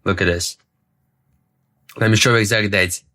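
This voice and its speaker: A young Serbian vlogger, Serbian by first language, tells a personal story to camera, rambling, repeating words and cursing casually. The voice is lowish and steady at a moderate pace, with a pushed, bright sound.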